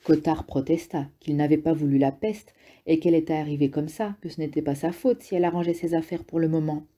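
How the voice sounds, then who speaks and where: A woman narrating an audiobook in a steady, even reading voice. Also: deep voice, fairly quick. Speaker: audiobook reader.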